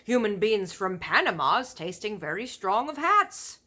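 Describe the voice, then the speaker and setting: A woman with a mid-range voice and big pitch swings plays a giant, enormous and rowdy, in a children's story read-aloud. She booms out boastful explanations with drawn-out emphasis and folksy, broken grammar.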